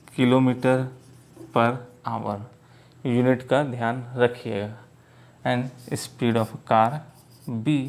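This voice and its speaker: A man teaching math at a board, speaking slowly and often checking that his students follow. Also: medium pitch. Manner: slow, repeats "clear?" checks to students. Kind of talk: board lesson in Hindi mixed with English.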